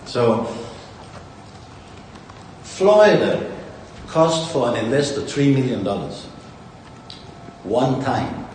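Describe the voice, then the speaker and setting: A Danish company founder speaks slowly in a mid-range, darkish voice, pausing often and swinging widely in pitch during his rambling, boastful conference speech. The large hall echoes, and the distant mic picks up faint ambience and slight background noise.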